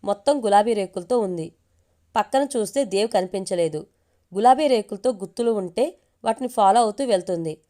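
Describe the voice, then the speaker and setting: A woman narrating a family story in a calm, steady storytelling voice. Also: mid-range voice, a little fast. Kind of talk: reading a family story aloud.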